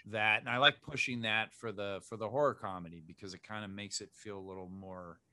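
A man's voice: fairly low pitch, steady tone, fairly quick, sharp tone, dry recording. A man born in Zimbabwe, a filmmaker chatting casually in an interview, rambling with many restarts and fillers. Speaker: filmmaker guest.

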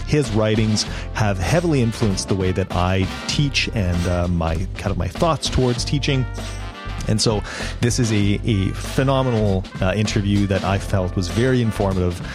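A man's voice: fairly low pitch, normal speed, music in the background. A man with a French accent hosting an education podcast, eager and a little rambling, restarting his sentences. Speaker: podcast host. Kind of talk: podcast interview.

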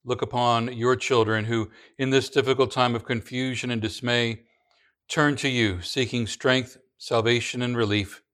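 A man leading a congregation in the creed and prayers, reading in a slow, measured recitation with small restarts. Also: medium pitch, fairly even intonation, fairly bright tone. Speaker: pastor.

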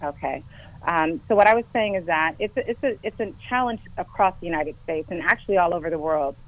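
A woman on a phone call that cuts in and out, explaining things in a measured way as a guest. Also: on the low side, animated. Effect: phone call cutting in and out. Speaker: guest, county economic development director. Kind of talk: phone-in interview.

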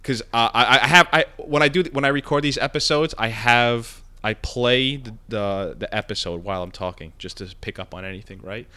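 A man hosting a casual podcast, animated and asking leading questions about a TV episode. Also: medium pitch, moderate pace, hardly any pauses, clear, resonant tone. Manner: animated, asks leading questions, many fillers. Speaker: podcast host. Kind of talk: casual chat discussing a TV episode.

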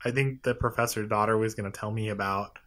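A man's voice: on the low side, steady tone, quick pace, a bit bright. A young man in casual chat, thoughtful and hedging, often agreeing with his co-host.

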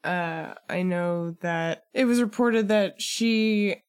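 A woman's voice: lowish voice, clear, resonant tone. Chatty woman podcast host. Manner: chatty, animated, quick asides and self-deprecating jokes. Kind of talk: casual chat.

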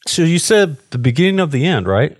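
A man's voice: a little high, big pitch swings, a little fast, slightly rough. A male podcast co-host who banters casually, teasing and pushing his point while sometimes chewing. His voice sounds dry and close, with no room echo. He comes across as playful and stubborn. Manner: teasing, pushy, eating while talking. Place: Texas.

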